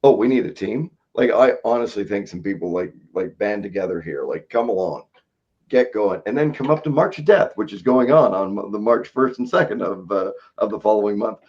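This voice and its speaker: A man's voice: fairly low pitch, a little fast, darkish tone. A man hosting a podcast, rambling casually and laughing often, poking fun at himself. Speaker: podcast host. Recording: dull lo-fi sound.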